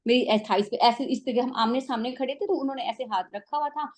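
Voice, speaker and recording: Woman, high voice, animated storytelling, heartfelt testimony. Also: a little fast. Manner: animated storytelling, acts out dialogue. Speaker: guest sharing a spiritual experience. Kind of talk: emotional personal testimony.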